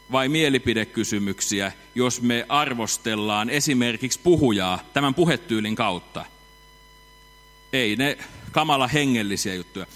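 Ironic preacher with a lively voice. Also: male voice, medium pitch. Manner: rhetorical, ironic, swinging between hushed and loud. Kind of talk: sermon. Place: church meeting hall. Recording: reverberant hall.

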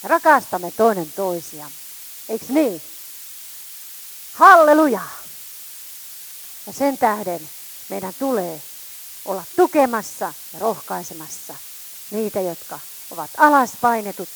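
A woman preaching a sermon, fervent, calling out to her congregation and swinging between loud shouts and quiet asides. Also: mid-range voice, animated, vocal fry, a little hiss or hum, rough recording.

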